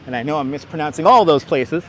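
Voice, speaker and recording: A man's voice: on the high side, animated, quick pace. Man with a thick Brooklyn accent, street noise. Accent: thick Brooklyn, New York. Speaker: livestream walking tour host. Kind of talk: casual live-stream chat and street commentary. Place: outdoors on busy Manhattan streets, walking. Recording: clear city traffic noise outdoors. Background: street ambience and vehicles.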